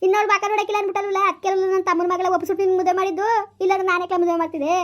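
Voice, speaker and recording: A woman plays a dramatic village mother-in-law who laments loudly and scolds her son in a high, quick voice. She rattles on fast and turns every quarrel into a tragedy. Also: little pitch movement. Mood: lamenting. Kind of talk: village comedy skit.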